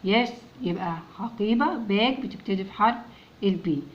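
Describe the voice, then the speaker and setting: A woman's voice: mid-range voice, muffled recording. Patient Egyptian woman teaching young children. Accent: Egyptian Arabic. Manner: patient, repeats words slowly for children to echo. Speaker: English teacher. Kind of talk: children's lesson.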